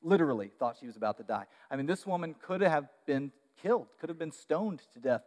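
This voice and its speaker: A man preaching a sermon, telling the story in an animated way with frequent fillers and restarts. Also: fairly high pitch, fairly quick, in a large hall.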